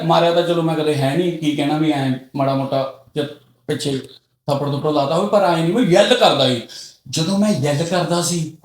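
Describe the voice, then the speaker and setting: A middle-aged man from Punjab, a podcast guest telling stories candidly and getting loud and excited as he talks. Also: fairly high pitch. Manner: loud and excitable when talking. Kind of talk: candid conversational storytelling. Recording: roomy echoey room.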